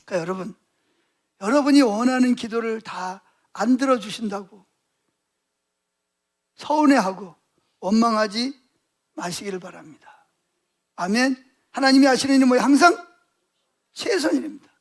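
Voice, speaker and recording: A man's voice: very high-pitched, animated, moderate pace, pauses often. A male pastor preaching a sermon, telling the story with constant rhetorical questions to the congregation.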